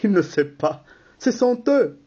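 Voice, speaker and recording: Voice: mid-range voice, big pitch swings, unhurried, warm tone, husky, muffled recording. A reader voicing a bustling, social-climbing host in a rehearsal read-through of a play. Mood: hurried.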